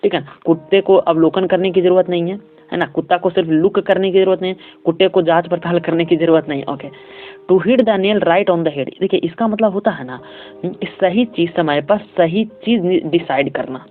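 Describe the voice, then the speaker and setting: With tinny, phone-like audio and faint music behind him, a male English teacher with a voice that sits high walks his students through an exam paper. He reads each English sentence slowly, explains it step by step and frequently checks in with the class.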